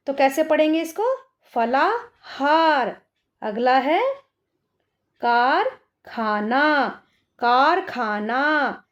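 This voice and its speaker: A woman teaching an online class to children, patient and direct, drawing out each word slowly as she reads it. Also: sits high, highs cut off. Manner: slow, drawn-out word dictation.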